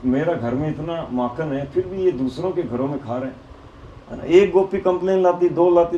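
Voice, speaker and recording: A man preacher telling devotional stories in an animated way, often laughing. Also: a little high, muffled recording. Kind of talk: devotional storytelling sermon. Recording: echoey hall with faint noise.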